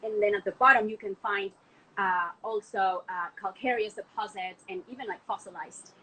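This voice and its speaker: A woman's voice: mid-range voice, fairly even intonation, moderate pace, pushed and bright, slight background noise, low-quality recording. A young woman from Argentina, a wine export manager, talking about wine on a casual podcast call, gushing and full of "like" fillers. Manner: enthusiastic, chatty, many "like" fillers. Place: home, from a window view of the city.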